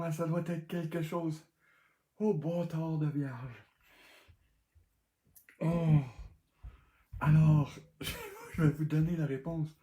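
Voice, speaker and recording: A man with a Québécois French accent hosts a live-streamed game night, laughing often and crying out as he repeats the answers. His pitch jumps all over while his pace stays slow and unhurried. The sound bounces around an echoey room. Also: warm tone.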